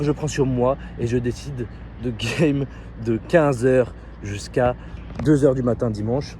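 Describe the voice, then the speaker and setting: A man with a French accent tells a personal story to camera in a relaxed vlog, pausing often on fillers. His voice is mellow and warm, at an ordinary pitch for a man. He is recorded outdoors in a city, with faint street noise around him. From France. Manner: chatty, frequent filler hesitations. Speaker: seduction coach vlogger.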